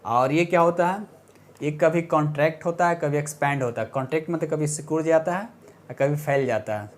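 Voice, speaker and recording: A man walks through science quiz questions in a casual tutoring style. His voice sits a little high, and he keeps looping back with quick rhetorical questions and self-corrections. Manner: repetitive, checks in often with rhetorical questions. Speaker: science teacher. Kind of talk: casual exam-prep lesson.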